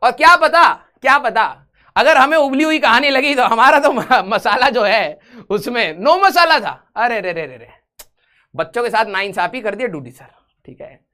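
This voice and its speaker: A man running a live online physics class ribs his students with banter and jokes before switching to English to read the questions. He speaks at a moderate pace in a very high, animated voice that sounds pushed and bright.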